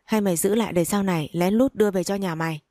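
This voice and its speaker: A woman's voice: medium pitch, quick pace, dark tone, no echo, studio quality, lightly acted. A woman reading the lines of a greedy, spiteful older mother-in-law who scolds and curses. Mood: furious. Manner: scolding, cursing, sneering.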